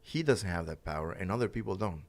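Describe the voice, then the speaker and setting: A man's voice: sits low, lively intonation, fast talker. A man, a boxer guest in a casual interview, talking animatedly with frequent laughter and slipping into Spanish phrases.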